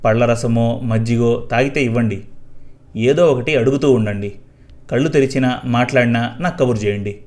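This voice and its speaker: A man voicing a calm middle-aged village doctor in a spoken story, measured and advising. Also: mid-range voice, natural voice. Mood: grave.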